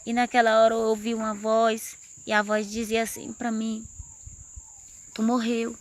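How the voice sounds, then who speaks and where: A woman's voice: fairly high pitch, monotone, moderate pace. A woman earnestly telling a personal religious testimony. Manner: earnest storytelling, rising intensity. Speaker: testimony speaker.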